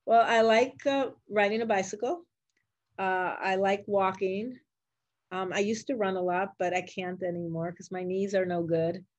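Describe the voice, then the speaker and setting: Speaking at a normal speed with a steady, medium-pitched voice, an older woman doctor, a grandmother of Puerto Rican origin whose first languages are Spanish and English, answers interview questions casually for children in plain, encouraging terms. The recording is dry, with the highs cut off.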